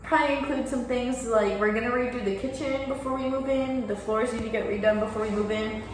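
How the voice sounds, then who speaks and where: A woman in her early twenties chatting casually and excitedly in a rambling vlog intro, recorded in an empty, very echoey room like a big hall. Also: on the high side, brisk. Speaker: vlogger. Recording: big hall echo, distant mic, faint noise.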